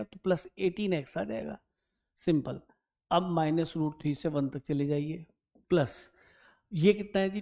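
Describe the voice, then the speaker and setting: A man's voice: on the high side, warm tone. Man, maths teacher, exam-prep lesson, thinking aloud, humming while calculating, chatty with students. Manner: chatty, addresses students directly and keeps asking "right?".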